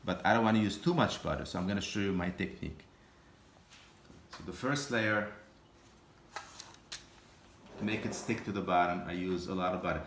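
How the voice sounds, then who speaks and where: A man giving a patient, step-by-step cooking demonstration in his home kitchen, often pausing and restarting his sentences. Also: low-pitched, a bit bright, slight background noise. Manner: halting, patient step-by-step explaining with frequent restarts. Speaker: home cook. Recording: echoey kitchen room.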